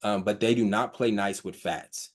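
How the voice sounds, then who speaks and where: A man's lowish voice, with fairly even intonation, carries an informal slide talk on hydrogen health research. He reads study quotes aloud, explains them with frequent fillers and restarts, and refers to his own stutter.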